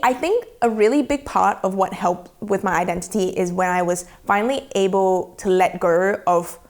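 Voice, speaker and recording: A woman, speaking softly and thoughtfully in a reflective documentary interview. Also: mid-range voice. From Australia. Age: 20s. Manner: soft-spoken and thoughtful, slowing down on feelings. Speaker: documentary subject. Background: faint background music.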